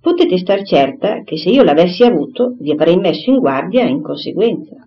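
A reader voicing a composed, clever young gentlewoman who speaks in a measured, earnest way in an audiobook. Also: medium pitch, big pitch swings, lightly acted. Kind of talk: audiobook character reading. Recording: slightly dull recording, faint hiss.

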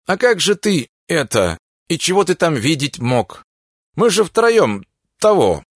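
A man's voice: medium pitch, wildly swooping pitch, moderate pace, a bit bright, no echo, clean studio sound. A man voicing a puzzled middle-aged male merchant who asks hesitant, bewildered questions.

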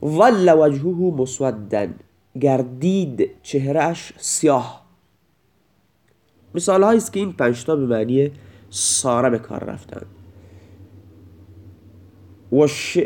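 A man giving a recorded grammar lesson, reading example lines slowly and then explaining them word by word. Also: on the high side, warm tone. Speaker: Arabic grammar teacher.

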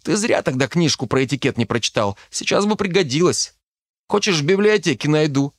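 Anxious awkward teen boy done by a man, kinda high, keeps half-whispering his questions. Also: animated, fairly quick, no room sound, clean studio sound. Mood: nervous, fussy. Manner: timid, fussy, pleading. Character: nervous, awkward teenage boy. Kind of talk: audiobook character voice.

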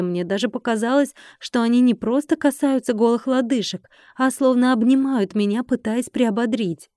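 Woman narrator, fairly high voice, expressive first-person read, dry close mic. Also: dry recording. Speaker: audiobook narrator.

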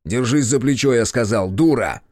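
A man's voice: fairly low pitch, expressive, normal speed, a little mellow, dry recording, clean studio sound, lightly acted. A man voicing a coarse, hot-tempered grown man who barks orders in an audiobook. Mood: barking. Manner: gruff, coarse, barking orders. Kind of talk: audiobook character voice.

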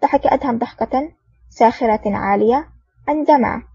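A woman narrating an audiobook in a steady storytelling manner. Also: fairly high pitch, moderate pace, vocal fry, husky, no room sound, recorded from a distance. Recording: dull lo-fi audio.

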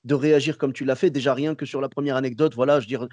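A man with a Moroccan-American accent hosting a casual interview podcast, relaxed and encouraging, often adding little tags like "you see". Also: mid-range voice, rapid-fire, dry recording. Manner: relaxed, encouraging, sprinkles "tu vois". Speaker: podcast host.

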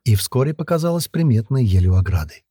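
A man narrating a fantasy audiobook in a steady storytelling manner. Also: medium pitch, a little fast, husky, dry recording, clean studio sound.

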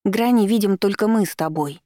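A woman's voice: medium pitch, a little fast, dark tone, dry recording, studio quality, natural voice. A woman reading an audiobook, voicing an eager, earnest young boy prince.

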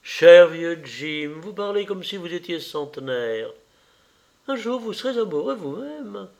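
A male reader doing a lovestruck young woman, higher and brighter than his own voice, pleading. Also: lively intonation, a little slow, creaky, exaggerated voice. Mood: tender.

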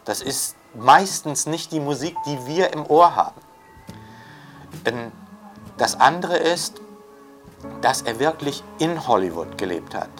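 Soft music plays behind this interviewee, a media theory commentator whose medium-pitched voice is expressive and measured, broken by long pauses. He talks spontaneously and forcefully, giving his opinions and circling back to repeat key points for emphasis.

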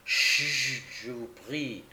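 Brief: gentle, calm young lady, read by a man, soft and slow. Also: a little high, roomy sound. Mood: hushing. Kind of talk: audiobook reading.

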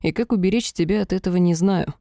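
A woman voices a tender male elf healer from a fantasy audiobook, speaking quietly and affectionately in a low, mellow tone. The sound is close and dry. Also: fast talker, no room sound, natural voice. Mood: earnest. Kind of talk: audiobook character reading.

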